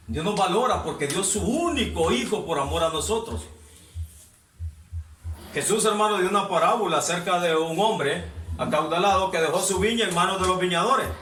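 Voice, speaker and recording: Pastor salvadoreño de voz aguda y brillante. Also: male voice, high-pitched, lively intonation, moderate pace, faint music behind. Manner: exhorting, questioning the congregation, voice rising to shouts. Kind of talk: sermon. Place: church hall. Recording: echoey hall, mic far off.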